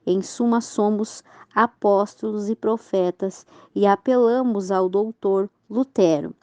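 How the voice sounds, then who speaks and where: A woman's voice: medium pitch, slow pace, dark tone, dry recording, natural voice. A woman voicing a group of boastful male self-proclaimed prophets in a read-aloud religious story.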